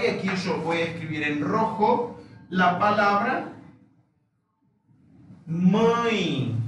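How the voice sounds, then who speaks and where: A male teacher speaks very slowly and patiently, repeating each example word carefully. He is recorded from a distance on a phone. The room is bare and echoes strongly, with faint room noise behind him. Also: sits high, a bit bright. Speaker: Portuguese teacher. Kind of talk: live online language lesson.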